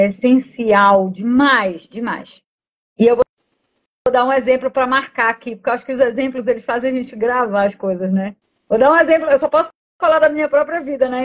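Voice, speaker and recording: An enthusiastic woman in her forties works as a coach and therapist, and here she tells a personal story in a podcast interview. Her voice sits fairly high, and she shares the story with affectionate energy. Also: a little mellow.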